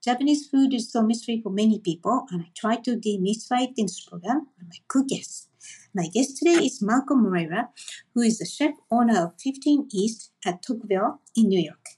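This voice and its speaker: Breathy woman hosting a food podcast. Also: a little high, fairly quick. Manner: steady, reads a prepared introduction, then asks short questions. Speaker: podcast host. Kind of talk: scripted intro then interview questions.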